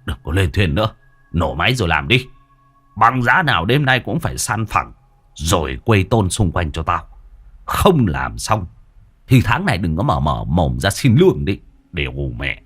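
A man's voice: deep voice, sing-song, normal speed, a bit bright, breathy edge, full character voice. A man voicing a coarse, swearing middle-aged rich landowner who bullies his workers. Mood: scornful. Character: gruff crude middle-aged male rich landowner, bossy.

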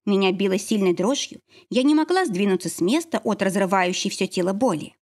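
A woman's voice: mid-range voice, animated, fairly quick, darkish tone. Woman narrator, dramatic first-person audiobook reading.

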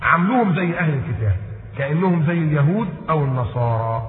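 Man, Egyptian accent, sermon storytelling, quick delivery, roomy echo. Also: on the high side. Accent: Egyptian Arabic. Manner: animated, quotes classical Arabic then explains in colloquial. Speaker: preacher. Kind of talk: religious lecture with storytelling. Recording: echoey hall on a tinny phone-like line.

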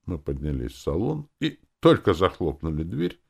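A man narrating a fantasy audiobook in the first person, wry and expressive. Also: deep voice, normal speed, creaky, slightly rough.

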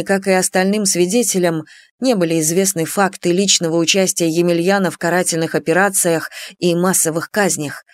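A woman reading a novel aloud as an audiobook, in a measured, unhurried manner. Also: fairly low pitch, no echo. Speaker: audiobook narrator. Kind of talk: scripted narration.

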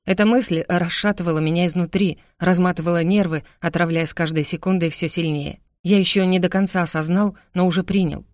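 A woman's voice: fairly low pitch, steady tone, a little fast, few pauses, darkish tone, no room sound, studio quality. A woman narrating a first-person novel with an intense, emotional reading. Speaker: audiobook narrator.

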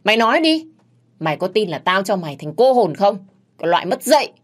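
A fierce, hot-tempered young servant woman who answers with rough threats, played by a woman storyteller. She speaks, in a somewhat low voice that turns quick and loud. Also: lively intonation. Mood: raging.

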